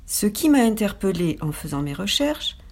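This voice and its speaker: A woman's voice: mid-range voice, big pitch swings, normal speed, a little mellow. Woman reading a culture piece, mid voice, bit playful now and then. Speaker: presenter. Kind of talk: scripted narration.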